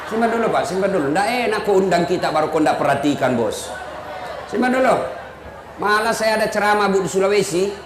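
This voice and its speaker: A man delivers a lively, joking sermon to a big crowd, teasing his listeners and acting out both sides of little scenes. His voice sits high, and it carries into a roomy, echoing space with clear background noise. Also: fairly quick. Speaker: preacher. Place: large public religious gathering.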